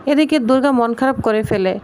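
Fast high-voiced woman narrator. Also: a little mellow. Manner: storytelling, repeatedly linking with "then she says". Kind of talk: fast recap narration of a TV serial episode.

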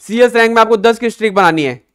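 A man's voice: high voice, fast, fairly bright tone, smooth. A man streaming a shooter game live, barking orders and swearing at teammates while greeting viewers by name. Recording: gunfire noise behind.

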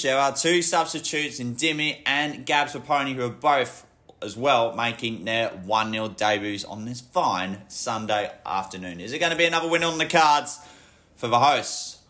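A man giving football match commentary in measured phrases that lift with the play. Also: medium pitch, sharp tone. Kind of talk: sports commentary. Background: music.

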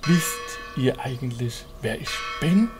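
A man's voice: medium pitch, expressive, slow pace, loud music behind the voice. A man voicing a simple, timid, friendly schoolboy in a German children's puppet show, speaking hesitantly to the children. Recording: noisy home puppet-stage recording.

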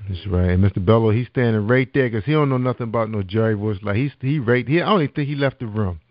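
Male internet radio host, chatty and animated, low voice, muffled lo-fi recording. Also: fast talker, no room sound. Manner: animated, repeats "that's right", gives shout-outs. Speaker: podcast host. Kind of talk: casual internet radio chat. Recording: dull lo-fi sound with faint music.

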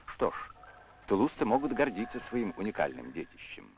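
A man's voice: fairly low pitch, very animated, normal speed. A man narrating a 1960s newsreel with a formal, declamatory announcer delivery, old newsreel sound. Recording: narration over loud music.

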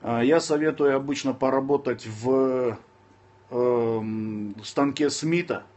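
Speaking slowly in a mid-range voice, a man in his thirties from Dagestan answers viewer questions on a casual phone livestream, the camera close as he sits indoors. He's blunt and swears freely, snapping at trolls between stretches of calm advice.

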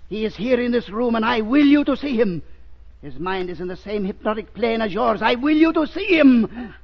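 A sinister hypnotist villain, high-voiced and creaky. He is pompous and theatrical, savoring his words in an old radio drama with muffled sound. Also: lively intonation. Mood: commanding menace. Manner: theatrical, grandiose, slow-savoring. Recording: dull old radio recording.

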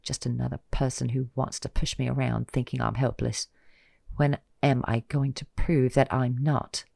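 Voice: mid-range voice, little pitch movement, normal speed, creaky, dark tone, no room sound, clean studio sound. A reader voicing a young female cadet who answers with fierce, clipped defiance. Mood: defiant.

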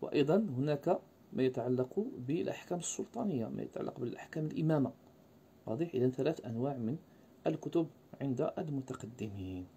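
A man lecturing, often pausing on fillers and asking his listeners rhetorical questions. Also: medium pitch, animated, dark tone, slight background noise. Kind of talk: university-style lecture.

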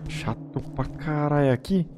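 A man's voice: fairly high pitch, measured pace, background noise. A man with a Brazilian accent giving casual, slangy let's-play commentary as a gaming host, reacting and swearing as he goes.

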